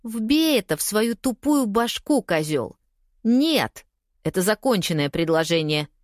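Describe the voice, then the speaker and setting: A woman reading an audiobook, voicing a blunt, protective young woman friend who shouts sharp, scornful lines. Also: mid-range voice, big pitch swings, measured pace, no echo, clean studio sound, pitched above the performer's own voice. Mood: fierce.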